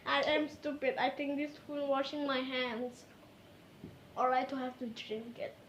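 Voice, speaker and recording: A woman's voice: high-pitched, flat delivery, a little slow, roomy sound, a little hiss or hum. A woman chatting playfully to her viewers in a silly vlog, giggling and talking to herself as she goes. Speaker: vlogger.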